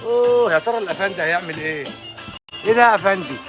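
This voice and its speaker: High, quick Egyptian hype man. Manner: exclamatory, repetitive hype-man calls. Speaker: promotional host. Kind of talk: live social-media sales hype. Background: music.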